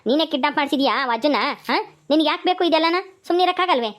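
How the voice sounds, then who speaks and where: A woman's voice: high voice, close to an everyday voice. A woman voicing a worried grown son who pleads with his mother in a cartoon comedy. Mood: fretful. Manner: pleading, fast and fretful. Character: anxious grown son of the grandmother.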